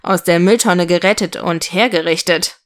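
A woman voicing a good-natured older father in a storybook who speaks in a low murmur. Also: normal speed, lightly acted.

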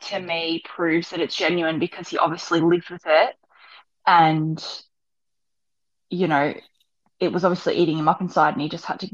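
Woman, low voice, muffled lo-fi audio. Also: flat delivery, moderate pace, long pauses. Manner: chatty, agreeing. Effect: dull, lo-fi worn-sounding audio. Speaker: podcast co-host. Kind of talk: casual chat.

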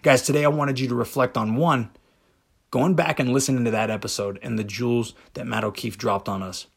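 Man, motivational podcast host, husky voice, vocal fry, emphatic, direct, rhetorical questions. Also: mid-range voice, steady tone, brisk.

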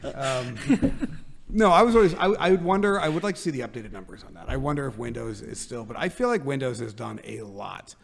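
A gravelly American man chats casually as a podcast co-host. He rambles, mocks himself, and laughs easily. His voice sits at a middling pitch with a rough edge of fry. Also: lively intonation. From United States. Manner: rambling, self-mocking, quick to laugh. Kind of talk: casual chat.

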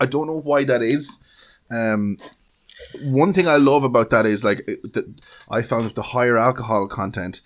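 An Irish man giving his opinions in a casual chat as a podcast co-host. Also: on the low side.

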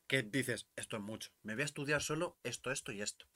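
A young man co-hosts a casual podcast chat and tells his stories with excitable energy. His voice is bright and sharp and he talks very fast. The sound is close and dry, with no room echo. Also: mid-range voice. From Spain. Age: young adult. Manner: excitable storyteller, bursts of laughter. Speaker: podcast co-host.

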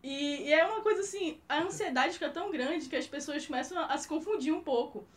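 High-voiced Brazilian woman telling stories. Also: quick pace. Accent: Brazilian Portuguese. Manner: lively anecdotal storytelling. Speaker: co-host film critic. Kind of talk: casual podcast chat.

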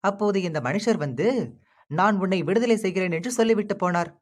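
A man's voice: high voice, fairly quick. A man voicing a young orphaned village woman who speaks with resentful reproach in a storybook reading. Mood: bitter.

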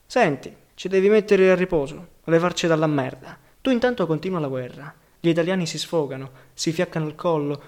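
A man voicing a scrawny, sneering male factory worker in a read-aloud novel, speaking loudly and mockingly. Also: on the high side, natural voice.

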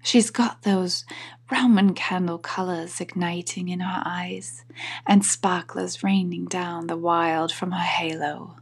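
A woman reading a poem in a put-on British accent, softly and half in a whisper. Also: lowish voice, steady tone, slow, breathy edge, exaggerated voice. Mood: playful.

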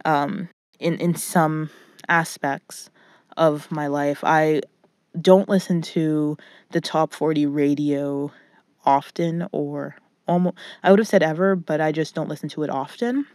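A woman's voice: sits low, a little mellow. Muffled, dry-sounding woman podcasting from a closet. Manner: informal, rambling, halting with repeated words. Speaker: podcast host and music producer. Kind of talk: casual solo podcast talk. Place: recorded in a small clothes closet indoors. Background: nothing, little reverb.

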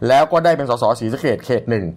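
A man co-hosting a casual political news talk show, talking in an animated way with frequent restarts. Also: mid-range voice. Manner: animated, brisk, many restarts.

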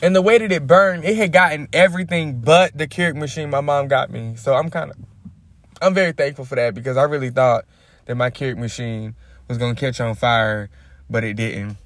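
A man telling a story to his viewers in a casual, lively, slangy way. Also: mid-range voice, a little fast, no room sound. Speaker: vlogger.

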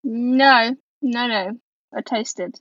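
A woman's voice: on the high side, very slow, fairly bright tone, no room sound, muffled recording. A woman with an East Midlands English accent chatting casually as a podcast co-host. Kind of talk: casual chat.

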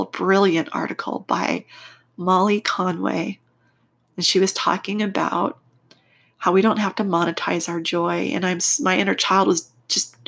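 A woman hosting a reflective personal podcast, speaking in deliberate, expressive phrases with a congested, nasal voice from a stuffed-up nose. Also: lowish voice, gravelly, slightly rough. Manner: unhurried, deliberate phrasing with pauses. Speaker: podcast host.

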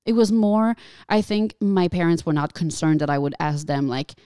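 A woman in her thirties chatting casually, candid and animated, swearing freely. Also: fairly low pitch, moderate pace, clear, resonant tone, no room sound, studio quality. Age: 30s. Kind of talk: casual chat.

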